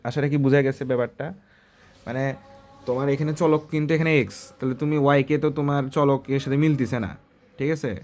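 A man's voice: mid-range voice, flat delivery, fast, a little mellow. A male math tutor walking through exam problems step by step, talking in a conversational way and often asking the student short checking questions.

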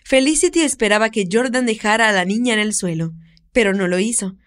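Casting: audiobook narrator, woman, expressive and steady, slightly high pitch. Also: brisk. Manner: expressive storytelling read. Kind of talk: scripted narration.

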